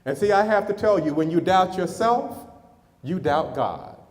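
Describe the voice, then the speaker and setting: A man's voice: high voice, lively intonation, moderate pace. A middle-aged man who is a pastor, preaching a sermon and telling stories to his congregation. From United States. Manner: storytelling preacher, speaks to the congregation with chuckles. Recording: long hall reverb.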